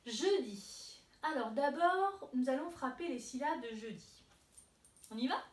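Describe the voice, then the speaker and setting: A woman teaching a preschool class remotely, greeting children by name and leading a morning wake-up rhyme in a gentle, singsong, encouraging way. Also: measured pace. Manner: gentle, singsong and encouraging, with a lively rising pitch. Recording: echoey room, distant mic, faint hiss.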